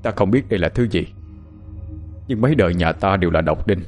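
A man's voice: low-pitched, animated, fairly quick, soft background music. A man playing a grave middle-aged mandarin father in an audiobook, giving solemn, urgent instructions. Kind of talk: audiobook character acting.

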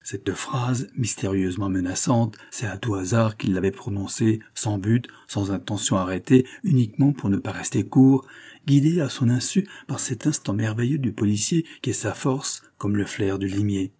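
Male narrator for classic fiction, measured and dramatic, husky low voice. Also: mellow. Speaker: audiobook narrator. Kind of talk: classic novel reading.

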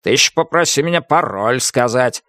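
A man's voice: medium pitch, lively intonation, normal speed, fairly bright tone, no room sound, clean studio sound, close to an everyday voice. A man doing a grumpy old house spirit. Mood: grumbling. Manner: grumpy, reproachful, old-fashioned. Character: fussy old male house spirit, bearded. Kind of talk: audiobook character voice.

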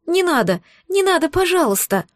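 A woman voicing a young woman who theatrically fakes tearful pleading in a high, pitiful voice. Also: a little fast, dry recording, clean studio sound, close to an everyday voice.

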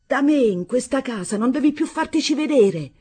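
A woman voicing a fierce young stepmother in a literary audiobook, husky and screaming in shrill outbursts. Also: animated, moderate pace, mellow. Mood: furious.

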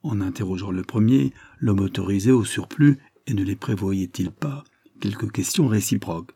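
A man reading a storybook aloud in a steady, even narration. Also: fairly low pitch, moderate pace, husky, no room sound, studio quality. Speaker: audiobook reader.

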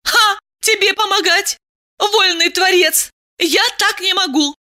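A woman voicing a shrill, indignant woman. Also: slow pace, bright, forceful tone, exaggerated voice. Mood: furious. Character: hysterical proud woman, shouting and indignant. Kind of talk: audiobook character voice.

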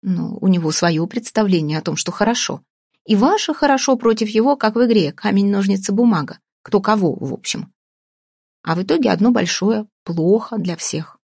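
A woman reading an audiobook voices a frank, guileless young woman who speaks earnestly and openly, with a husky tone. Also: mid-range voice, normal speed, darkish tone, dry recording, studio quality.

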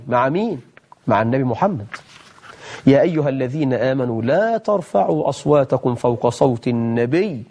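Warm-voiced Egyptian sheikh, emphatic and scolding. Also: male voice, on the high side. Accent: Egyptian Arabic. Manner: emphatic, scolding rhetorical questions. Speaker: sheikh taking callers. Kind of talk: religious lesson with call-ins.

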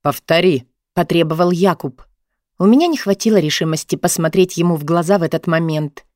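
A woman reading a first-person novel aloud, steady storytelling that tightens in the dialogue. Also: on the low side, brisk, dry recording, clean studio sound. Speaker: audiobook narrator. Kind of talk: first-person audiobook narration.

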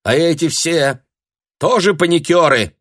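A man's voice: on the low side, lively intonation, measured pace, fairly bright tone, no echo, studio quality. A man voicing a cool, sensible young woman who speaks curtly and coldly, in an audiobook. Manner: cold, curt.

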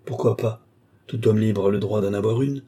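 A man's voice: lowish voice, steady tone, moderate pace, dark tone, husky. A man voicing a proud, defiant young peasant in an audiobook, in a cool, defiant manner. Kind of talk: audiobook character reading.

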